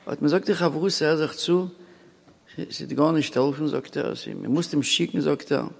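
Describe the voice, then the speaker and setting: Gravelly man telling a rambling story. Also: on the high side, darkish tone. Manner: halting, many restarts and pauses. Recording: long echoing reverb.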